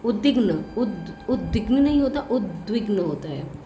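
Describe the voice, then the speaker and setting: A woman's voice: medium pitch, expressive, measured pace, muffled recording. A woman college professor giving a spelling lesson, patiently working through correct and incorrect words and repeating each one. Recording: echoey room with faint music.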